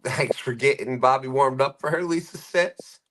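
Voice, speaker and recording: A man's voice: medium pitch, moderate pace, noisy background. A man hosting a live fishing stream, casually greeting viewers and reading their comments aloud with frequent chuckles.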